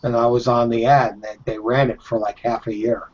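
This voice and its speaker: A man in his fifties from the Boston area talks loosely in a casual chat, rambling through old memories and swearing freely. His voice sits at a middle pitch, and the recording sounds dull and lo-fi. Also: little pitch movement, a little fast, darkish tone. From Boston area, Massachusetts.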